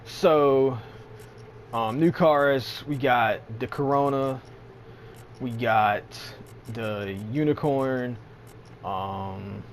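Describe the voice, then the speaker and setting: A man's voice: on the low side, gravelly, slight background noise. A man giving casual, rambling commentary on a game update, sleepy and yawning, with lots of fillers and slang. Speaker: gaming channel host.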